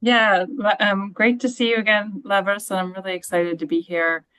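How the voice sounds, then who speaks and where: A woman's voice: mid-range voice, flat delivery, normal speed, fairly bright tone, smooth, poor audio. A woman, a family medicine professor, introducing herself with enthusiasm and some fillers on a video call.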